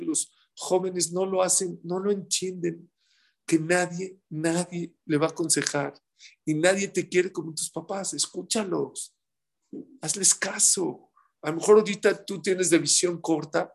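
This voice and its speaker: A middle-aged man preaching through a story, turning to his listeners with questions. His voice is husky and gravelly, sitting slightly high, and he animates each scene as he tells it. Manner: animated storytelling, acts out voices, direct address to audience. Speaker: religious speaker. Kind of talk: storytelling sermon.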